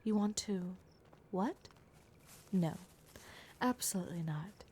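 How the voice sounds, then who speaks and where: In an ASMR roleplay, a woman plays a gruff young werewolf girl who is blunt and protective, exasperated yet caring, and often slips into a whisper. Her voice is on the low side, warm and slow. There's slight background noise.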